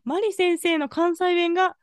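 A woman's voice: very high-pitched, steady tone, normal speed, no room sound, clean studio sound. A woman guesting on a podcast in casual chat, modest and polite, often laughing.

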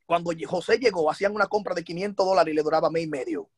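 A man preaching a sermon, telling a Bible story at a quick pace and acting out the characters' dialogue. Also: on the high side, no echo, studio quality. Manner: fast, dramatic storytelling with acted dialogue.

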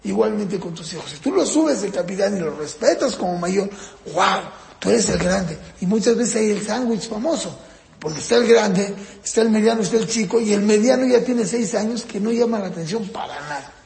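This parenting teacher's lecture on child rearing is recorded in an echoey hall with long reverb. His high, animated voice is gravelly with a darkish tone and a moderate pace, and he questions listeners while playing children and parents in raised voices.

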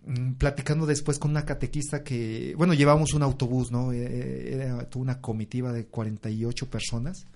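Devout man, mellow voice. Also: little pitch movement, fairly quick, gravelly, few pauses. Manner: reflective and devout, many filler sounds; acts out quoted speech with raised pitch. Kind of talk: personal religious testimony in conversation.

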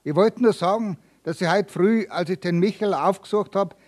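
A man's voice: high-pitched, moderate pace, a little mellow. An earnest, humble villager testifies anxiously, protesting eagerly. A man reading a story aloud plays him in a raised, slightly flustered voice. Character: timid, earnest male villager neighbour.

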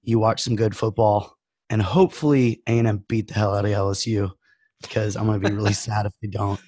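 A man co-hosting a casual podcast, hoarse and nasal from a cough, upbeat and joking. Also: lowish voice, steady tone, a little fast, a little mellow, dry recording, clean studio sound. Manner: joking, upbeat, powering through. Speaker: podcast co-host.

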